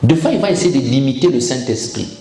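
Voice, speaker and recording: A man pastor preaching a sermon, emphatic and animated and calling for amens. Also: medium pitch, fast talker, roomy sound, poor audio.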